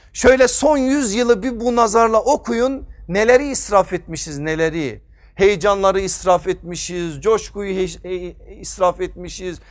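A man preaching a sermon into a pulpit microphone, emphatic, asking rhetorical questions and answering them himself. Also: high-pitched.

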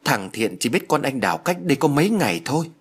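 A man's voice: medium pitch, sing-song, quick pace, slightly rough, voice pushed up. A man voicing a blunt, tactless young man from the countryside in an audio story. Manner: blunt, matter-of-fact.

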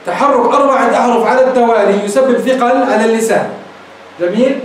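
A man with a high voice delivers a classroom grammar lecture as a sheikh. He poses rhetorical questions and repeats each example slowly. His voice is heard from a distance in a very echoey room. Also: slight background noise. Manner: addresses listeners as "beloved ones". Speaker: sheikh teaching Arabic grammar.

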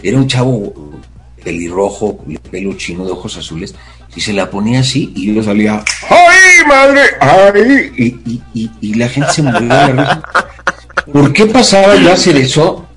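A middle-aged man with a Mexican accent, a talk show guest telling childhood stories in a casual, animated way and acting out voices. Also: lowish voice, moderate pace, faint music behind, poor audio. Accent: Mexican Spanish. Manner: animated, acts out voices in his anecdotes. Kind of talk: casual storytelling chat.

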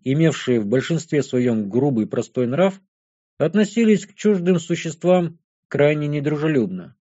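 A man's voice: a little high, warm tone, dull audio. Man narrating a fantasy audiobook.

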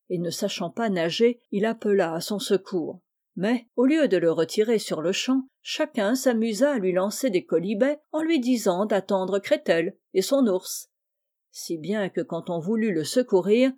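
A woman reading a fairy tale aloud in a measured, expressive way, as an audiobook narrator. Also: mid-range voice. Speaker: audiobook reader. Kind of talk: read-aloud storytelling.

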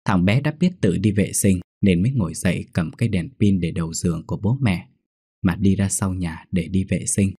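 A man reading a scripted horror story in a steady, measured way. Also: low voice, slightly rough, no echo.

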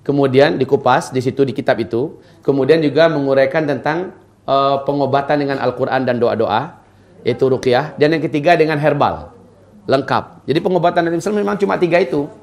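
This middle-aged Islamic preacher speaks at medium pitch, briskly and a little mellow, during an informal religious lecture. Answering audience questions, he often turns to speak straight to the women listening.

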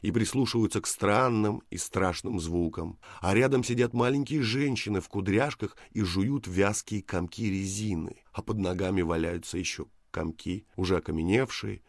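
Man narrating a story, very deep voice, gravelly, dry close sound. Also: dry recording. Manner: measured storytelling. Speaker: audiobook narrator. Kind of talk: scripted narration.

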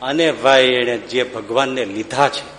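A man telling a devotional story with a lively, animated delivery, acting out each character as he goes. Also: medium pitch, unhurried, a little hiss or hum. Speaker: religious storyteller. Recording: echoey hall with faint ambience.

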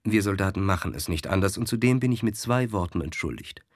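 A man's voice: deep voice, lively intonation, fast talker, no echo, clean studio sound. A man voicing a proud army officer who speaks earnestly and with emphasis. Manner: earnest, emphatic soldierly speech.

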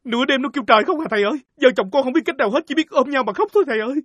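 A woman playing an anxious rural father who pleads quickly. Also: high-pitched, expressive, dry recording. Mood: pleading.

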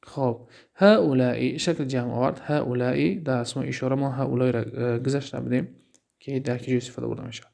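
Speaking in a steady, creaky, mellow voice of medium pitch, a man with a Tajik accent teaches Arabic grammar. He raises his own questions and repeats important terms slowly.

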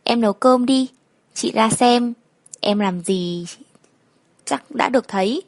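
A woman's voice: on the high side, takes it slowly, no echo. A woman voicing a young village girl's older sister, bossy but coaxing.

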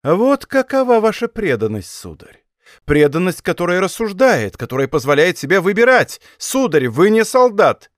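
A man voicing a proud, quick-tempered young king in an audiobook reading, haughty and sharp. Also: high voice, very animated, no room sound, clean studio sound. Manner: haughty, raising his voice in anger. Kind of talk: audiobook character voice.

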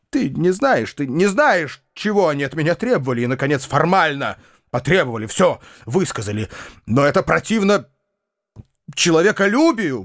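A soft-hearted, excitable former cavalry officer, now a country uncle, who declaims his resolve and flies into shouting fits, as a male audiobook reader puts him on. His voice leaps about with lively swings of pitch. The sound is close and dry. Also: no echo. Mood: earnest. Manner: agitated, declamatory, rising to shouts. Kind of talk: audiobook character reading.

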